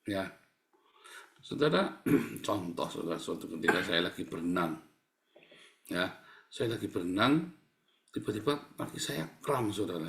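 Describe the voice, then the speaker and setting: A male pastor delivering a sermon, swinging from loud acted-out cries to soft, quiet asides. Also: lowish voice. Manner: animated preaching, swings between loud and soft, acts out cries. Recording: echoey church hall.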